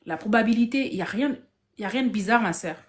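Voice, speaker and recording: Fast and fairly high-pitched, a guest on a live stream discussion relates a story from her phone in a relaxed, lively manner. She keeps restarting lines and dramatizes the words of the people she describes.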